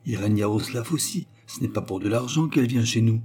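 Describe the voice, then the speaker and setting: A man's voice: medium pitch, a little fast, darkish tone, husky. A man reading as a hesitant young woman in an audiobook. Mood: wary. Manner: hesitant, stammering. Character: young woman, wary and reluctant.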